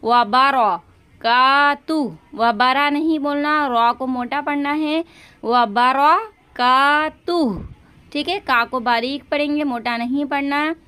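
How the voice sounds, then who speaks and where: A religious teacher gives a step-by-step lesson in a high-pitched, fairly bright voice with a steady tone. She's slow and patient, drawing out words to demonstrate how they should be pronounced.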